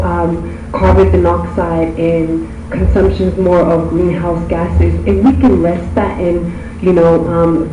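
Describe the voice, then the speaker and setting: Young female pageant contestant, earnest formal answers; distant mic, music behind. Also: fairly low pitch. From Tonga. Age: young adult. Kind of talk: formal question-and-answer speech. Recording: echoey room from far off, music behind.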